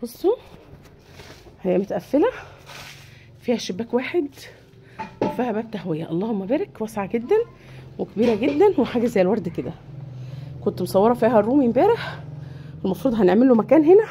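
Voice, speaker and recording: Speaking with an Egyptian Arabic accent, a woman vlogger casually walks viewers through a poultry yard and shop, talking straight to them as she goes. Her fairly high, warm voice is very animated and quick, with frequent pauses. A little hiss or hum sits under the audio.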